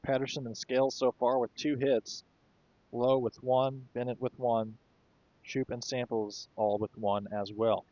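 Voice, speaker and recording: A man doing relaxed, conversational play-by-play commentary for a baseball game, with occasional fillers. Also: mid-range voice, a little slow, dry recording, highs cut off. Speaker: play-by-play announcer.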